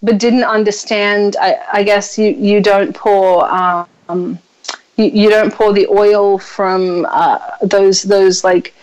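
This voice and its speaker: A woman in her thirties hosting a casual chat, blunt and chatty, swearing freely and filling pauses with ums. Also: medium pitch, steady tone, a little mellow, highs cut off. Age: 30s. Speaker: podcast host.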